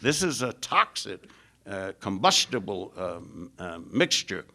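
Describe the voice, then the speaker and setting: A low-pitched American man with a gravelly edge delivers a public lecture. He builds emphatic lists, climbing in pitch as he drives a point home, and pads his phrasing with "uh" fillers. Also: very animated, slow, bright, forceful tone. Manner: frequent "uh" fillers. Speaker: foreign policy lecturer.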